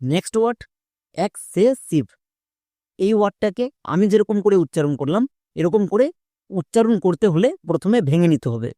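A woman teaching English pronunciation, spelling words letter by letter and asking students whether it is clear. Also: mid-range voice, expressive, normal speed, mellow, no room sound, clean studio sound. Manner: patient, spells words letter by letter, asks checking questions. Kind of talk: spoken lesson for students.

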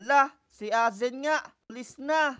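Brief: woman co-star in a block-game role-play, fairly high voice, jittery and giggly. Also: a little slow, a bit bright, clean tone. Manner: panicky, giggly.

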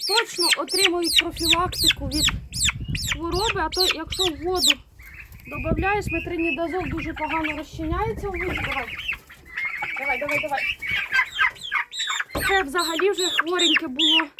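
A woman's voice: high voice, normal speed, pauses often. A woman chatting casually in a farm vlog, explaining as she works and coaxing her animals. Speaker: homestead vlogger. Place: outdoor farmyard with poultry. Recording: loud farmyard noise, birds clucking. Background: loud clucking poultry.

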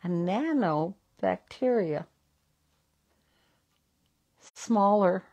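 A woman's voice: mid-range voice, animated, very slow, darkish tone. A woman with a Southern American accent hosts a live psychic talk. She tells her stories in a rambling way, restarting and repeating words as she goes. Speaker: psychic host. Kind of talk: live stream talk and storytelling.

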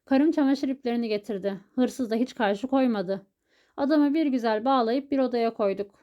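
A woman narrating a story as an audiobook reader, telling it in a steady, even way. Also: a little high, moderate pace, muffled recording.

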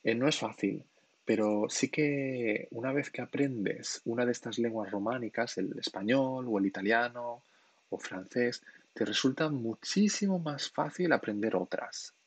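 Husky-voiced man teaching on a livestream. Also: mid-range voice, unhurried, no echo. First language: Spanish and Catalan. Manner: patient, explanatory, keeps checking in with "¿sí?". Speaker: Korean language teacher on a livestream. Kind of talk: live-stream lesson, reading chat questions.

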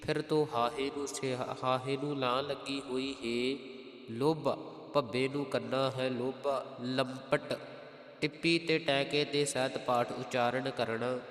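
A Punjabi-accented man leads a scripture pronunciation lesson, chanting lines in a drawn-out voice before breaking down each letter and vowel sign. His pace is very unhurried. The voice rings in a roomy space with a long reverb tail. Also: medium pitch, fairly even intonation, a bit bright. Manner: slow, methodical, chants each verse then explains spelling. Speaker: Gurbani recitation teacher.

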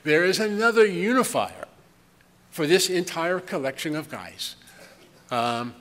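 A man's voice: a little high, a little slow, a bit bright. Older man giving a keynote in a hall. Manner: conversational, chuckling asides, frequent ums. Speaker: keynote speaker. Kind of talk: conference keynote lecture. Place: large conference hall with audience. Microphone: podium microphone. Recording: long hall reverb, faint room noise.

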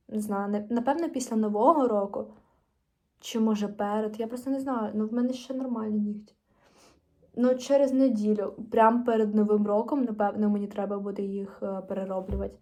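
A woman's voice: medium pitch, mellow. A teenage girl from Ukraine vlogging casually to camera, chatting in a rambling way with fillers and restarts. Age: teens.

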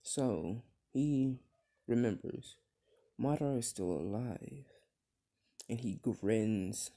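A young man improvising a fan-fiction story out loud, rambling with many fillers and restarts. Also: mid-range voice, slow pace.

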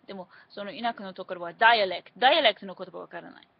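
A woman's voice: mid-range voice, very fast, creaky. A woman from Britain, a native English speaker, talking in careful, hesitant learner's Japanese with many fillers. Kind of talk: casual chat. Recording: dull lo-fi home recording.

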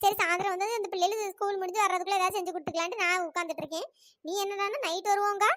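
A woman's voice: steady tone, rapid-fire, fairly bright tone, no room sound, clean studio sound. A woman voicing a bossy elder village woman in a cartoon, nagging. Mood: scolding. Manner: scolding, nagging, squeaky cartoon voice. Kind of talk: cartoon dialogue.

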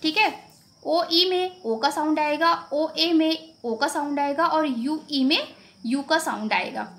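A woman teacher with an Indian accent explaining a phonics lesson, asking questions and repeating the sounds slowly. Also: high voice, fairly bright tone.

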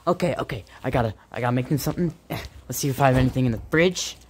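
A man voicing a goofy, excitable, suspicious suburban dad in an amateur sock puppet comedy. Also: mid-range voice, very fast, slight background noise, natural voice. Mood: flustered.

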